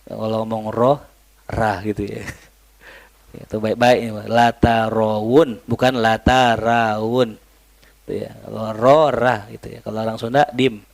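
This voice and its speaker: A man's voice: on the low side, fast, vocal fry. A man teaching an Islamic study class, mixing Arabic recitation with joking, colloquial asides to his students. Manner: lively, joking, colloquial Jakarta slang mixed with Arabic recitation. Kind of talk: religious study lecture.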